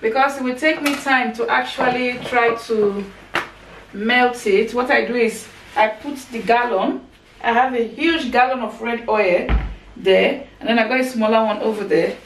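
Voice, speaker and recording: Chopping and cooking in her own kitchen, a woman in her thirties chats in an unhurried, slightly high voice for her cooking vlog. The sound comes from a camera mic placed across the room, so it's far off, echoey, and noisy in the background.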